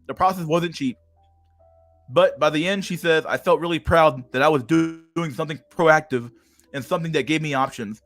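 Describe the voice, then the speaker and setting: A man's voice: on the high side, normal speed, fairly bright tone, faint music behind. A man in his thirties reading an article aloud on a stream, then breaking off into crude, mocking rants with frequent laughter. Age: 30s. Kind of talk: casual livestream commentary.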